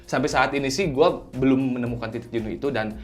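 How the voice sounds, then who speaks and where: A man's voice: mid-range voice, quick pace, soft background music. Easygoing male host. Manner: relaxed, asks questions in slang. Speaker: host, voice actor. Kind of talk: casual interview chat.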